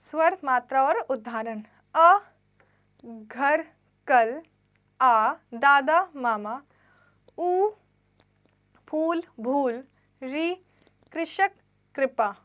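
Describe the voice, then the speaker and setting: High-voiced woman teaching grammar to children. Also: expressive, drawn-out words, long pauses, a bit bright. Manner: reads textbook lines, then re-explains them in simple mixed Hindi-English; asks quiz questions and answers them herself. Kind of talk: Hindi grammar lesson for children.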